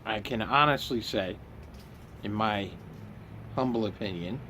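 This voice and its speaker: Man, fifties, lower register, musing casual vlogger, pipe in mouth, light outdoor noise. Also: unhurried, bright, forceful tone. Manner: talks while smoking a pipe, often with it in his mouth. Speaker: pipe tobacco reviewer. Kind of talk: casual vlog chat. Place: outdoors by a house with trees. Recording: clear outdoor ambient noise.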